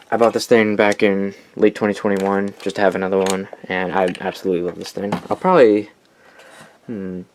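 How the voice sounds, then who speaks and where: A young American collector, his lowish voice a little mellow, gives a loose, rambling show-and-tell of his weather radios, breaking into enthusiastic asides as a hobbyist would. Slight background noise sits behind him.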